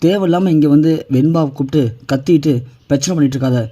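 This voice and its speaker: A man's voice: a little high, quick pace, warm tone, natural voice. A scornful young woman, as a man narrator reads her lines. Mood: threatening. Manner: scolding, bossy.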